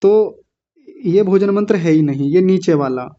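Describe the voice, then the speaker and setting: Stern Sanskrit teacher drilling pronunciation. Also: male voice, high-pitched, measured pace. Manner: stern, scolding students, drilling pronunciation syllable by syllable. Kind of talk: online class teaching. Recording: dull lo-fi audio.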